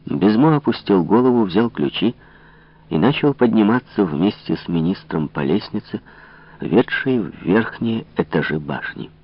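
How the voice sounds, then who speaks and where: Deep-voiced male audiobook narrator. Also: expressive, normal speed. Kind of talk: scripted narration. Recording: dull lo-fi recording.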